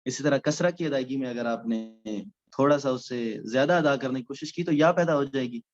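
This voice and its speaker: A man's voice: medium pitch, lo-fi sound, soft background music. Man teaching in a hesitant lecture. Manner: explanatory, many hesitation sounds. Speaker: Quran recitation teacher. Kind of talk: recorded lecture.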